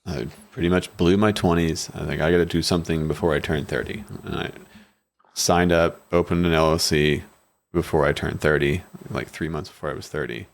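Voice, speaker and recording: A man in his thirties, a guest in a small podcast studio, telling his story in a rambling, candid way with many restarts, speaking into a boom-arm studio mic. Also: fairly even intonation, a little fast, creaky. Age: 30s. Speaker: guest, bike shop owner. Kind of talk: casual interview talk. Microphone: studio mic on boom arm, headphones.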